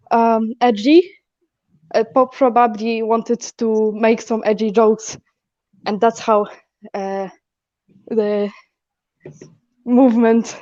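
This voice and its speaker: A woman talks slowly on a call, laughing a lot and stumbling through fillers. Her voice sits fairly high, and the dry, dull audio sounds like a cheap online mic. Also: warm tone, dry recording. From Poland. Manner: giggly, halting, many fillers. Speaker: guest on a stream. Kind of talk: casual online chat.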